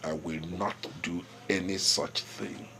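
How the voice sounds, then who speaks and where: An actor playing a proud, stubborn older village king with a Nigerian accent, speaking in measured, authoritative lines and quoting proverbs. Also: sits low, steady tone, pushed and bright, slight background noise, heavily acted. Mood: lecturing. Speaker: traditional king. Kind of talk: film drama acting.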